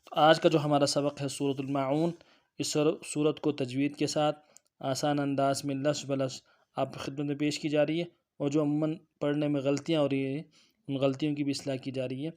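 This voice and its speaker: A man with a Pakistani Urdu accent teaching tajweed. He recites the verses slowly word by word, then explains common mistakes in quick speech. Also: fairly high pitch, little pitch movement, a little mellow. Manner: switches between drawn-out melodic recitation and brisk corrective explanation.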